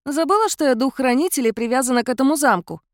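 A woman voicing a blunt, calm female cat-mouse guardian spirit in an audiobook, with an offhand, bossy manner. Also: sits high, fast, dry recording, studio quality, voice pushed up. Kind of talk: audiobook character voice.

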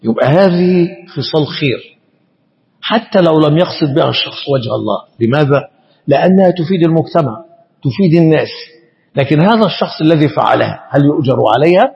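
A man with an Egyptian Arabic accent, an Islamic scholar teaching a lesson, speaking slowly and deliberately and often stumbling and repeating syllables as he explains. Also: a little high, expressive, vocal fry, dull audio, a little hiss or hum. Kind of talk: classroom lesson explaining grammar and meaning.

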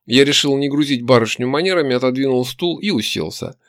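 A man reading a first-person story aloud in a wry, expressive way. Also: medium pitch, a little fast, dry recording, clean studio sound. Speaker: audiobook narrator. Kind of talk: first-person audiobook narration.

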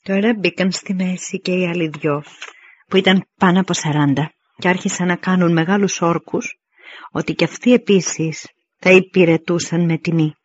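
Brief: male audiobook narrator, measured delivery, dry and dull lo-fi sound. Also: high voice, steady tone, husky, dry recording.

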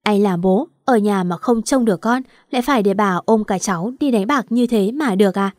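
A woman's voice: mid-range voice, normal speed, darkish tone, dry recording. A woman narrating an audio story in the first person, emotional and indignant, on a close mic.

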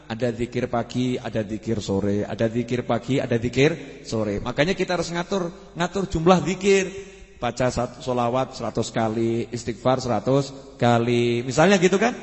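A man preaches a sermon at a mosque study gathering in a large hall, talking conversationally and asking the audience questions. His voice is mid-range, at a moderate pace.

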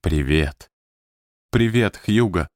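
A man voicing an overwhelmed young man who speaks in halting, breathless bursts. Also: low voice, animated, a little mellow, no echo, studio quality. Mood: dazed.

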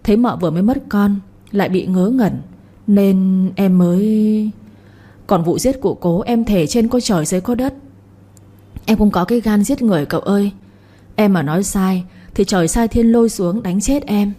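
A guilty male servant shaking with fear, voiced by a woman. He stammers out his words in a mellow, breathy voice. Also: medium pitch, moderate pace, close to an everyday voice. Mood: fearful. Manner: trembling, stammering.

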